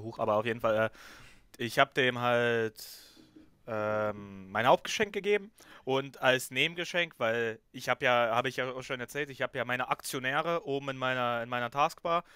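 A man's voice: medium pitch, moderate pace, bright, forceful tone, smooth, no echo. A man from Ukraine chatting casually on a podcast, rambling and jokey. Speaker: podcast co-host. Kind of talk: casual chat.

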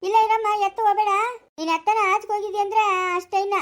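A woman playing a blunt, gossipy village neighbor who talks in rapid rural Chikkaballapur Kannada, heard from some distance off the mic. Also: very high-pitched, little pitch movement. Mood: warning. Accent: Kannada, Chikkaballapur rural dialect. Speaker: neighbor Subbamma.

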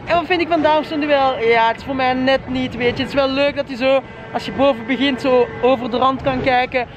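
Here a man chats casually to camera as he walks around a theme park, giving viewers his ratings of the rides and running out of breath on a climb. His voice is extremely high, fairly quick, and fairly even in intonation. The lo-fi sound comes from a handheld camera or arm's-length phone, with background music and loud crowd and ride noise.

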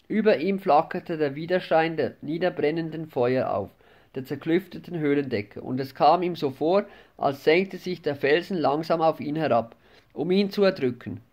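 A man narrating a fantasy audiobook in a measured, dramatic reading. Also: fairly high pitch, darkish tone. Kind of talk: scripted narration.

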